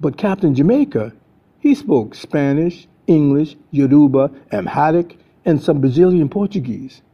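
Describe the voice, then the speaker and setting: This older storyteller reads his adventure book aloud in dramatic, scripted fashion, his slightly high voice carrying lively intonation and a breathy edge. He goes a little slowly, and the sound quality is dull and lo-fi.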